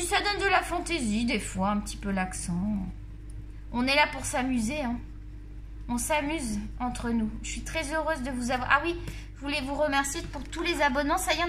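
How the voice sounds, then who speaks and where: A woman with a Marseille accent, an art vlogger, tests and reviews colored pencils at her desk at home, her face off camera. She chats casually and jokingly to her viewers in a high-pitched, slightly bright voice, with slight background noise.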